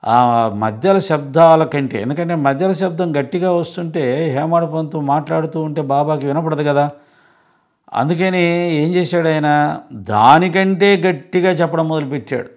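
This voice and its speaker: A man's voice: a little high, moderate pace. A man giving a devotional scripture discourse as a satsang speaker, earnest and explanatory, often asking rhetorical questions.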